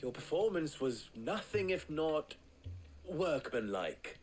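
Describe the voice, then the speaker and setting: A wry, commanding leader in a video game, formal and dry in his wit. His voice sits fairly high and swings widely through each measured phrase, with faint music underneath. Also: big pitch swings, poor audio. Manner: measured, formal and dryly sardonic.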